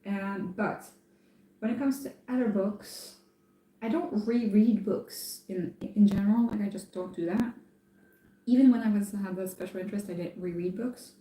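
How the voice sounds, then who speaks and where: A woman who grew up in France, chatting casually on a live stream and thinking aloud with many pauses and fillers. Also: mid-range voice, mellow. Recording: echoey room.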